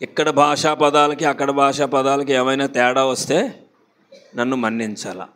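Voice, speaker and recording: A man's voice: mid-range voice, steady tone, moderate pace, fairly bright tone. Preaching man with a Visakhapatnam accent. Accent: Visakhapatnam Telugu. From Andhra Pradesh, India. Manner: conversational preaching, asks the congregation questions. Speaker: pastor. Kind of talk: sermon.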